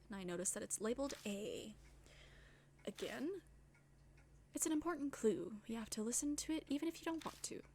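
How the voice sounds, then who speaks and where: A woman's voice: on the high side, slight background noise. A woman streamer reading visual novel text aloud with casual, slangy asides. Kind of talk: let's-play reading game text aloud. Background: game music.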